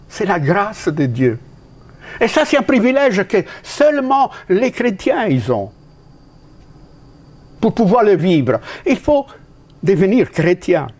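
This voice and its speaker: Italian guy preaching a sermon, high voice, takes it slow, jumps up and down for emphasis, restarts a lot. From Italy. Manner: emphatic, with sudden pitch leaps and drops and halting restarts.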